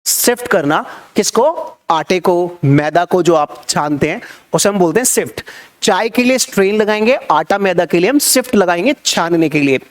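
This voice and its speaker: A man's voice: sits high, expressive, moderate pace. A young man teaching English vocabulary in Hindi, repeating each word and quizzing his viewers as he goes. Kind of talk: Hindi-language vocabulary lesson.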